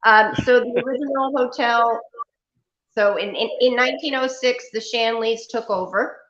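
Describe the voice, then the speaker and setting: A woman who works at the hotel speaks loudly across the room so another person's mic picks her up. Her voice comes through echoing, and she fills gaps with lots of ums. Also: fairly high pitch, moderate pace. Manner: talks loud to reach a second mic, many ums. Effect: voice picked up from across the room by another person's mic, echoing. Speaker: hotel staff member telling its history. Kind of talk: call-in interview chat. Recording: echoey, dull remote call audio.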